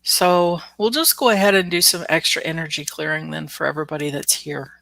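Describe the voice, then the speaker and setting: This woman's low-pitched voice is creaky and fairly bright, with a steady tone and fairly quick pace, free of room sound. Stuffed up and nasal from the flu, she hosts a live oracle card stream, chatting, laughing often and greeting viewers by name.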